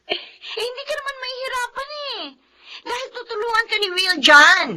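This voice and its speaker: An actress playing a discontented, materialistic young wife in a Filipino melodrama, whiny and reproachful with a Filipino accent. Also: female voice, very high-pitched, expressive, normal speed, sharp tone, exaggerated voice. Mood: exasperated, pleading. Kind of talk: melodramatic Filipino serial drama acting.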